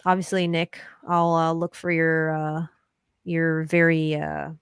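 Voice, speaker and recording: A woman's voice: sits low, monotone, slow, smooth, dry recording. Ny woman bantering on a livestream, teasing and slangy, dry close sound. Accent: New York. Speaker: host. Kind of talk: casual livestream chat.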